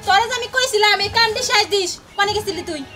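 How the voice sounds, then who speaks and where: A woman's voice: fast, pushed and bright. A woman playing a harsh, bitter village stepmother who scolds and threatens. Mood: scolding. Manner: shrill scolding, threatening, mocking. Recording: music playing under the voice.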